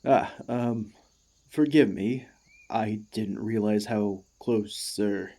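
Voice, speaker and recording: Here the man's ASMR portrayal of the warforged ex-gladiator drops to a fairly low pitch, and the character sounds flustered and shy. He remains emotional, excitable, gentle and devoted, his speech earnest, formal and halting.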